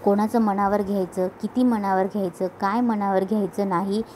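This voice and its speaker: A woman voicing a gentle, dutiful young daughter-in-law, speaking softly and slowly. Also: medium pitch, steady tone, slight background noise, lightly acted. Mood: calm.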